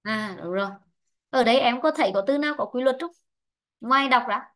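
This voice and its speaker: High-voiced woman teaching an online English class. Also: fairly bright tone. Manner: repetitive, drawn-out explaining with frequent fillers. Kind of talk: online class explaining stress rules. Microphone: online lesson mic.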